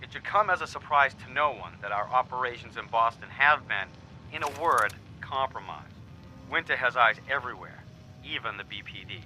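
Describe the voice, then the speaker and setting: An actor playing a tough, brisk police captain giving a commanding, formal briefing in a video game. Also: male voice, medium pitch, animated, pushed and bright, slight background noise, poor audio. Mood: commanding, resolute. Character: brisk, tough male police captain rallying his task force.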